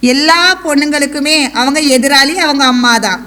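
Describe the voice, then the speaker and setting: A woman's voice: high-pitched, steady tone, brisk, bright, forceful tone. A woman playing a counselor who keeps questioning and coaxing a young girl. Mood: probing. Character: patient, probing female counselor. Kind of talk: college stage skit.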